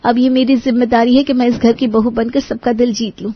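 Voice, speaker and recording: A woman's voice: on the high side, little pitch movement, brisk, lo-fi sound, natural voice. A woman voicing a sweet, shy, devout young bride in a cartoon, speaking politely and respectfully.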